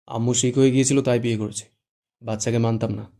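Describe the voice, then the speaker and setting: A man voicing a stern, possessive young man who answers gravely in curt, deadpan lines, read as audiobook dialogue. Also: medium pitch, fast, lightly acted.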